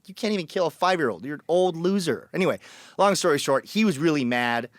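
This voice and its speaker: A Colombian man tells his story as a podcast guest, casual, blunt and joking, acting out the people he quotes. His slightly high voice is expressive and fast, recorded dry with studio quality.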